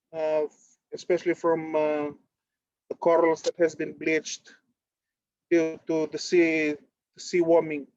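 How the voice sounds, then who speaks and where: Halting man on a lo-fi call. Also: fairly high pitch, mellow, no echo. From Fiji. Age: 30s. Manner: halting, many fillers and restarts. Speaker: activist presenter. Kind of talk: presentation over video call. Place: on board a ship at sea.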